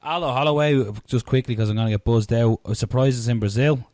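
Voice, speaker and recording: A man's voice: mid-range voice, quick pace, a little mellow, dry recording, clean studio sound. An Irish man hosting a casual podcast chat, slangy and swearing freely. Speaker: podcast host.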